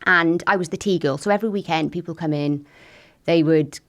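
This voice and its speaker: A middle-aged woman speaks as an interview guest, her voice sitting low for a woman. She talks frankly and with energy, full of fillers. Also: a little fast. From Wales. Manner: frank, lively, lots of fillers. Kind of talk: candid conversational storytelling.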